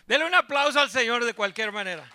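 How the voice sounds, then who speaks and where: A man preaching a sermon in church, fervent and emotional, constantly calling out to his brothers and rising to shouts. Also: very high voice, animated, fast. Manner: fervent, calls out "hermano" constantly, rises to shouting.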